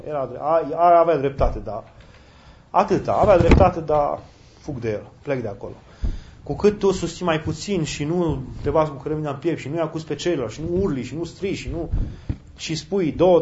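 A man preaching a sermon as a priest, speaking animatedly and leaping up in pitch when he voices other people. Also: a little mellow. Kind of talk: sermon answering questions. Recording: dull lo-fi with faint noise and clicks.

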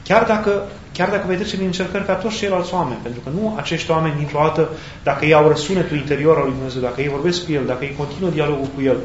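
A man preaches in a fairly high voice, calm and reflective, often pausing to find the right word. The sound is roomy and a little dull, with a faint hiss behind him. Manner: thoughtful, searching for words with pauses and restarts. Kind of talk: sermon.

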